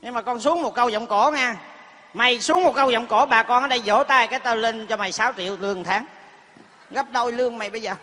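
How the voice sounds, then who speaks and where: A man's voice: very high-pitched, fast, pushed and bright. A male comedian playing a cranky, teasing old grandfather who loves foreign things, on a live stage. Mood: bossy teasing. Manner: bossy, teasing, calls the girl "mày". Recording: live stage with hall reverb and faint noise.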